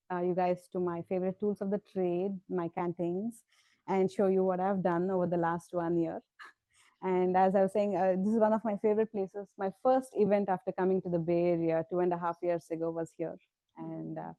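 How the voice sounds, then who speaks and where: A woman's voice: lowish voice, mellow, no room sound, highs cut off. A woman fashion designer giving a short, earnest talk about her craft at a garden event. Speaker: fashion designer and textile artist. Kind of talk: short vendor presentation.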